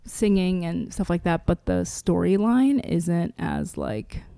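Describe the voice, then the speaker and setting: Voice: mid-range voice, wildly swooping pitch, takes it slowly, creaky, dark tone, clean tone, dry recording, clean studio sound. Chatty rambling podcast co-host. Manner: chatty and rambling, with many fillers and self-interruptions. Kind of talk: casual podcast chat.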